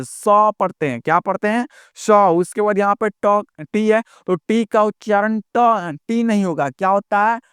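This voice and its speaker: A man teaching English letter sounds in an online lesson, repetitive and drawn-out as he keeps calling viewers his friends. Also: sits high, clear, resonant tone, no room sound, clean studio sound. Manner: slow, drawn-out letter-by-letter explaining.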